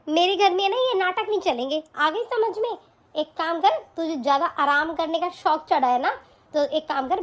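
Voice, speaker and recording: A woman voicing a nagging, scornful middle-aged mother-in-law in a cartoon, scolding and taunting harshly. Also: extremely high pitch. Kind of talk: cartoon voice acting.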